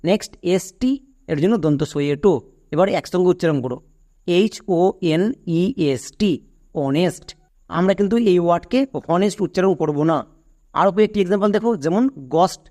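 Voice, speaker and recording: A man's voice: high-pitched, darkish tone. A man teaching English pronunciation, spelling words letter by letter and asking and answering his own questions. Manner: spells words letter by letter, then says them slowly. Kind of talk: step-by-step spelling lesson.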